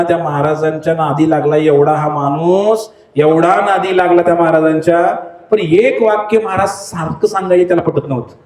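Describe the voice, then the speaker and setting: A male preacher with a Marathi accent tells a long story in a sermon and slips into the characters' voices and cries. His voice sits high and animated. The recording has a roomy, echoey hall sound.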